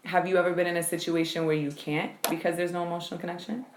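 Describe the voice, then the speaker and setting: A woman's voice: lowish voice, little pitch movement, fast talker, echoey room. A woman hosting a casual podcast chat, asking probing, frank questions. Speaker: podcast host.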